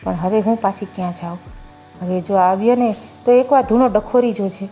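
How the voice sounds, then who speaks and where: A woman's voice: medium pitch, fairly even intonation, brisk, mellow, soft background music, natural voice. A woman voicing a heartbroken young village bride who pleads desperately.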